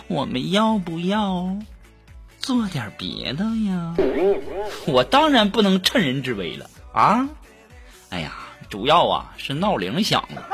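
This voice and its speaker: A young man, hosting a comic monologue and chuckling through his punchlines. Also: on the high side. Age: young adult. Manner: animated joke-telling, chuckling through punchlines. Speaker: host. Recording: voice over loud background music.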